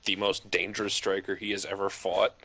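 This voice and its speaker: Lower-voiced man arguing his point. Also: flat delivery, brisk, pushed and bright. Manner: argumentative, hedging with fillers, swearing. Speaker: podcast co-host. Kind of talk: casual sports chat.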